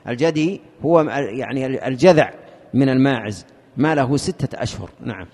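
A man explaining a legal text in a lesson, with a halting manner, repeating words as he searches for terms. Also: medium pitch, lively intonation, darkish tone, husky. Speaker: teacher explaining a fiqh text. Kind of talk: lesson commentary. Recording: long reverb of a hall.

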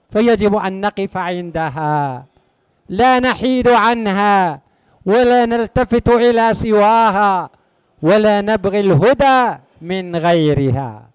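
A man's voice: sits high, clean tone, dry recording. A man teaching a religious lesson on inheritance law, emphatic and repeating key phrases for his students.

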